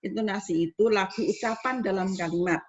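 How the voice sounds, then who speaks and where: A woman university lecturer teaching students, explaining step by step and acting out spoken examples. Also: medium pitch. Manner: explains slowly with spoken examples, rising on questions. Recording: dull lo-fi recording with faint noise.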